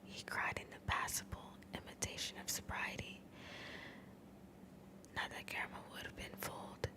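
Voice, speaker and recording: A young woman streamer doing whispered ASMR reading, casually chatting with her viewers between passages. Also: normal speed.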